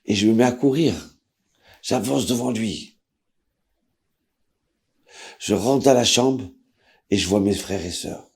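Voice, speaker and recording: A man, a rabbi, telling a story aloud with drama, acting out the people in it and swinging from hushed to loud. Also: on the low side, takes it slowly, pauses often. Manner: dramatic, voices characters with big swings in loudness. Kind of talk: emotional spoken storytelling.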